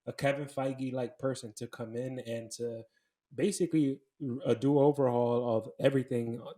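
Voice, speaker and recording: A man's voice: medium pitch, flat delivery, normal speed, dark tone. A man co-hosting a podcast in casual chat, easygoing and hesitant, often restarting his sentences. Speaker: podcast co-host.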